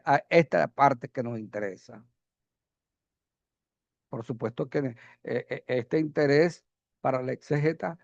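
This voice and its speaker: A man teaching Bible Greek grammar in a classroom lecture, halting, with many fillers and questions to the class. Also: a little high, gravelly, no echo, muffled recording.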